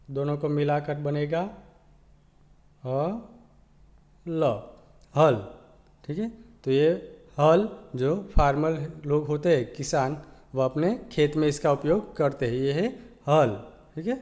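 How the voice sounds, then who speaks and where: Slow patient Gujarati-accented male teacher. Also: on the high side, a little mellow. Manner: sounds out letters one at a time, keeps asking "ठीक है". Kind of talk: slow, patient children's lesson.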